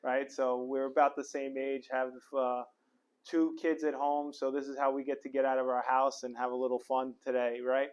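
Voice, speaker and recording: Upbeat flat-toned man hosting a podcast. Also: mid-range voice, moderate pace, clean tone, lo-fi sound. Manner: chatty, upbeat, many fillers and restarts. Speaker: podcast host. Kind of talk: casual interview chat. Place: office in the city.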